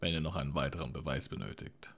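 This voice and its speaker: Audiobook villain: a man playing a smug old necromancer, soft purring menace, very deep voice. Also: fairly even intonation, fast talker, gravelly, breathy edge, full character voice. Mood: silky menace.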